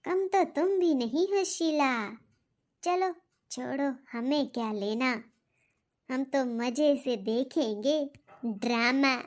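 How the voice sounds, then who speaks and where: A woman voicing a stern, nosy old grandmother who lectures slowly in a cartoon. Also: high-pitched, a little mellow. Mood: sly. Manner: slow, lecturing, reminiscing. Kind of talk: cartoon voice acting.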